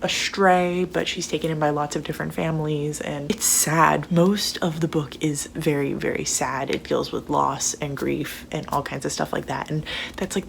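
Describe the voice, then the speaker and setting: A young woman reviews books in a casual, chatty vlog style. Her voice is slightly low and crackles with vocal fry. Faint noise sits behind it. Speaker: book reviewer.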